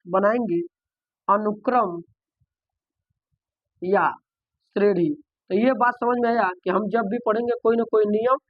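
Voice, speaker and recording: A man's voice: high voice, no room sound. Man teaching math, dull dry recording. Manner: repetitive, asks and answers his own questions. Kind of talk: classroom lesson.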